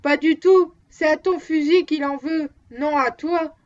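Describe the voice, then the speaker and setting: A woman's voice: sits high, measured pace, darkish tone. A woman reading the part of a patient, determined man who owns a wild dog, in an audiobook on a dull lo-fi recording. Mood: urgent.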